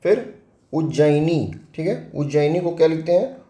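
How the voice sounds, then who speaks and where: A man's voice: on the high side, lively intonation, moderate pace, mellow, echoey room. A man teaching a spelling lesson for exam prep. He explains step by step with a Hindi accent, asking questions and answering them himself.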